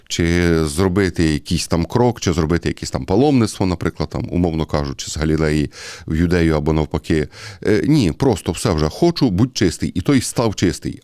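A man's voice: low-pitched, darkish tone, no room sound, clean studio sound. A man with a Ukrainian accent giving a conversational sermon-style Bible commentary, speaking directly to his listeners and often hesitating. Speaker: priest.

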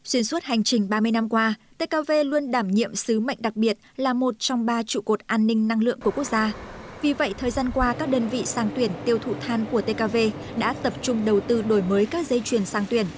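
A woman reading a scripted news voice-over in a smooth, even manner. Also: fairly high pitch, a little fast, background noise. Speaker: news narrator.

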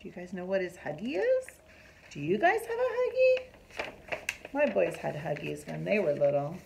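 A middle-aged woman teacher reading a picture book aloud to her class, lively and asking the children questions. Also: fairly low pitch, moderate pace, creaky, background noise.

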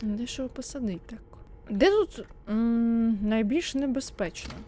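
A woman's voice: on the high side, animated, normal speed, warm tone. A woman streamer giving let's play commentary, sarcastic and swearing as she mocks the game's baby. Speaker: gaming streamer.

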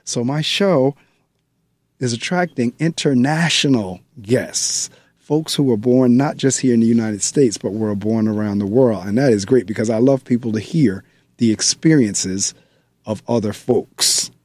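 A man hosts a radio book show from the studio, chatting casually and addressing his listeners directly in an interview format. His mid-range voice is unhurried with a darkish tone, and there's no echo.

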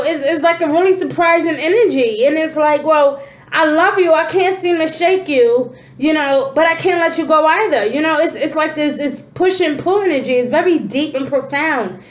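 A congested tarot reader in her forties, stuffy-nosed and high-pitched, offers a relaxed spiritual reading to camera. "You know" and "okay" come up often as she gestures animatedly. The small room sounds roomy and echoey, captured by a camera at desk distance.

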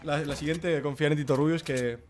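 Excitable young Spanish streamer, loud. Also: male voice, on the high side, a little fast, a little hiss or hum. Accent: Spanish from Spain. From Spain. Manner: excitable, swears a lot, mixes in English phrases. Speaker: gaming streamer. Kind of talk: live gameplay commentary.

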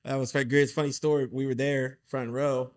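A man's voice: mid-range voice, little pitch movement, normal speed. A man hosting a casual podcast chat, telling a chatty story about his son and laughing along. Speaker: podcast host, father.

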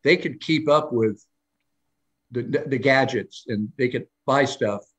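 A man's voice: medium pitch, unhurried, fairly bright tone, breathy edge. Older man telling rambling studio stories. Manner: rambling anecdotal storytelling with many restarts; acts out quoted lines in a raised voice. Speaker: guest storyteller on a live show. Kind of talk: casual live interview chat.

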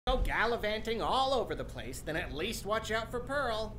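A woman voicing a flamboyant, talkative puppet character in a horror video game, with a drawn-out theatrical delivery. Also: mid-range voice, big pitch swings, crowd noise, rough recording. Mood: breezy.

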